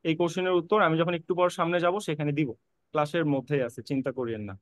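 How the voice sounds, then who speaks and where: Fast-talking man drilling a grammar lesson. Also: a little high, no room sound. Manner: repetitive, drilling, spells words letter by letter; reassuring, addresses students directly. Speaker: English teacher. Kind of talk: online admission-prep lecture.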